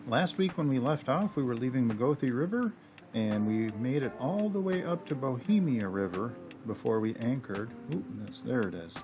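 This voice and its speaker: A man's voice: medium pitch, very animated, moderate pace, music in the background. A man narrating his sailing vlog at home, chatty and rambling with plenty of fillers and self-deprecating asides. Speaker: sailing channel host. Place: house full of dogs.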